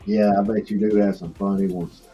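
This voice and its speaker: Man, casual livestream guest, easygoing, mellow dark voice, dull lo-fi audio. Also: on the low side, flat delivery, brisk, soft background music. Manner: easygoing, enthusiastic agreement. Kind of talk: casual chat.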